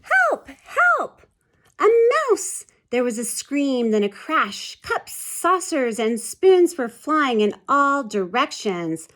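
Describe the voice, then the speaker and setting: With a slightly high, fairly bright, expressive voice, a woman reads a children's storybook slowly and with few pauses. She explains the pictures as she goes, in the manner of a teacher.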